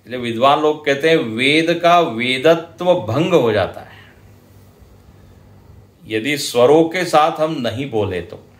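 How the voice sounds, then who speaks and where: A man with an Indian accent lectures on scripture at an unhurried, deliberate pace, stopping to chant verses. His voice sits in a middle register. The sound carries a roomy, echoing quality. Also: medium pitch. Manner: slow, deliberate explaining with chanted examples. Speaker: spiritual teacher. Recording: roomy hall echo.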